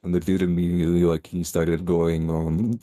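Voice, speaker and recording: A man's voice: deep voice, flat delivery, moderate pace, mellow, dry recording, clean studio sound. A man speaking through a voice changer in a voice-chat debate, rambling with many fillers and restarts.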